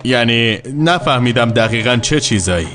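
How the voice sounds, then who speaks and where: A woman's voice: rumbling low, lively intonation, a bit bright. A woman dubbing a playful, knowing woman in a drama. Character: warm, knowing woman gaming.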